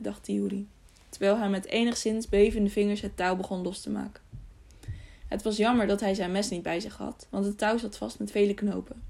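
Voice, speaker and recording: A woman narrating an audiobook in a calm, measured storybook reading. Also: medium pitch, creaky.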